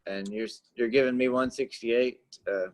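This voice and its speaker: A man's voice: medium pitch, steady tone, moderate pace. A man in a coaching group politely asking a hesitant question about his protein target. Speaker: coaching client.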